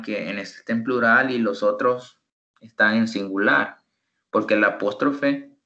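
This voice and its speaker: A man tutoring an online English lesson in Spanish, who patiently repeats each example phrase slowly. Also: mid-range voice, pushed and bright. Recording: echoey room, dull lo-fi sound.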